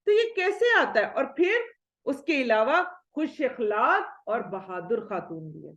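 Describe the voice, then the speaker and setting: A woman with a fairly high voice teaches a religious lesson to women, posing rhetorical questions. She is lively and emphatic. The recording is muffled and lo-fi. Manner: lively, rhetorical questions, acts out quoted speech. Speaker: Islamic studies lecturer.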